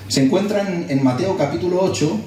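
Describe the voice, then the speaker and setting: A man from Spain preaching a sermon, explaining slowly and repeating words for emphasis. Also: high-pitched, warm tone. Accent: Spain Spanish. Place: church hall. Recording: distant mic in echoey church hall.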